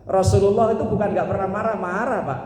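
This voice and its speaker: A middle-aged man preaching a humorous sermon in a mosque, telling jokey stories, acting out other people's lines and breaking into sudden loud bursts. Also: sits high, steady tone, fast. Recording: echoey mosque hall with long reverb.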